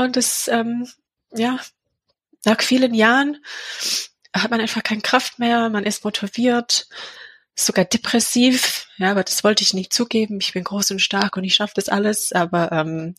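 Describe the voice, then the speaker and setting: A woman's voice: mid-range voice, fairly bright tone, husky, no room sound. A woman in her thirties from England with an English accent, speaking German in a hesitant personal testimony, full of fillers and restarts. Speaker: mother of a child with a heart defect.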